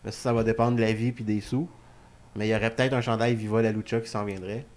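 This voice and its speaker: Talking fast in a lowish, slightly mellow voice with little pitch variation, a Quebec French-accented man hosts a wrestling talk show. The studio chat is casual, joking and informal.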